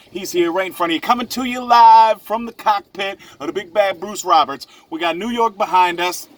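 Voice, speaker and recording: Man hamming up a boat sales pitch. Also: fairly bright tone. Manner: joking mock sales pitch, slangy and loose. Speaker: solo sailor and vlogger. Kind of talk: casual vlog talk to camera. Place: open cockpit of a sailboat on a lake.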